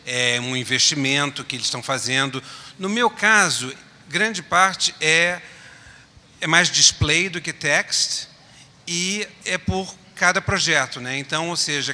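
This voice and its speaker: A man speaking informally as a panelist, haltingly and often searching for words. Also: a little high, bright, forceful tone. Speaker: panelist, small design studio owner. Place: round table in a reverberant hall. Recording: echoey hall.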